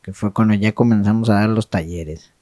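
A man's voice: on the low side, a little fast, mellow, no room sound, studio quality. A man co-hosting a podcast, chatting reflectively in a meandering way that often seeks agreement. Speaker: podcast co-host. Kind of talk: casual, reflective chat.

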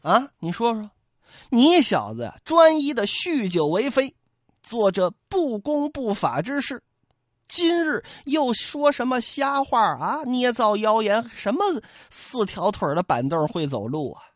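Guy doing a pompous scolding magistrate, swings low to a barked shout. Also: very animated, a little slow, no echo, clean studio sound, heavily acted. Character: blustering pompous male magistrate.

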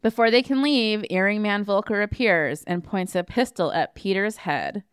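A woman's voice: mid-range voice, normal speed, smooth, no echo, clean studio sound. A woman podcast host recapping a film plot in casual chat, with wry, sarcastic asides.

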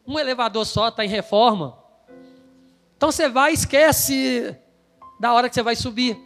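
High-voiced preaching man. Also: normal speed, fairly bright tone, long reverb tail, soft background music. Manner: emphatic, acts out the quoted voices. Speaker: pastor. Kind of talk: sermon with storytelling.

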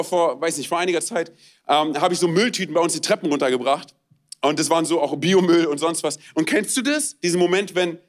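Man, guest preacher, sermon, energetic, direct address, slangy asides, higher voice.

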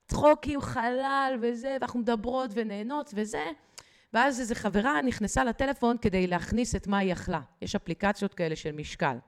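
Animated woman telling stories. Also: a little high. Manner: lively, acts out quoted people, addresses host directly. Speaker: guest expert on digital habits. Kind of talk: podcast interview, animated storytelling.

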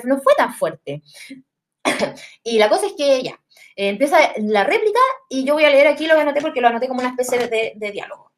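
A young woman with a Chilean Spanish accent, telling a story in a casual, animated way, with lots of slang and swearing. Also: a little high.

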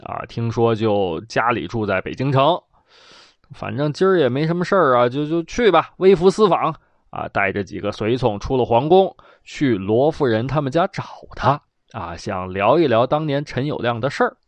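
A man telling a traditional historical story in a lively, colloquial way with vocal sound effects. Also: medium pitch, normal speed, no echo.

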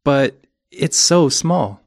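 A man's voice: fairly high pitch, lively intonation, slow pace, creaky. A man with an American accent, hosting a scripted language lesson podcast with some casual chat.

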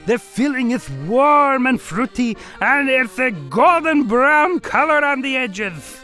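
Jittery, stammering cartoon critter. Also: female voice, a little high, sing-song, measured pace, sharp tone, faint music behind, heavily acted. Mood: fake French. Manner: stammering, nervous, fake French accent. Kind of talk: cartoon voice acting.

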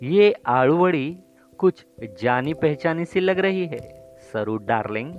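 A man's voice: a little high, expressive, slow. A man voicing a teasing, cheeky young college girl in a storybook reading, her voice raised and playful, on a dull lo-fi recording with faint music. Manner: playful, mocking, drops into filmy Hindi lines.

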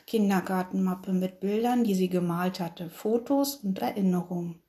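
Woman, narrator, children's story read aloud, gentle, mellow voice. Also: medium pitch, normal speed.

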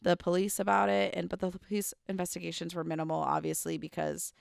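A young woman co-hosting a podcast tells a true crime story casually and chattily, full of "like" and "um." Her lowish voice barely moves in pitch, comes out fast with vocal fry, and is recorded dry at studio quality.

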